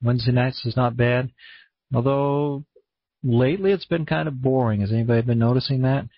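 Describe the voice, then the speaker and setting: Male conference-call host, Maine accent, husky voice, laid-back rambling delivery, dull lo-fi recording. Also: mid-range voice, fairly quick, dry recording. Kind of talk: casual, rambling online presentation. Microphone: online conference room call. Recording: dull, muffled lo-fi audio.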